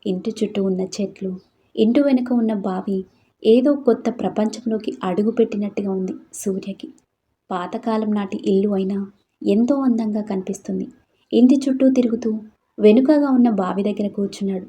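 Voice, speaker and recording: A woman storyteller reading a scripted story in a steady, expressive way. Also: mid-range voice, brisk.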